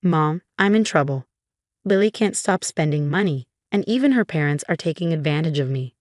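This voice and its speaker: A woman's voice: low voice, animated, normal speed, a little mellow, dry recording, studio quality. A woman voicing an arrogant young man who speaks rudely and demands money from his mother. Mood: pleading. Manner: rude, demanding. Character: arrogant young groom, cold son.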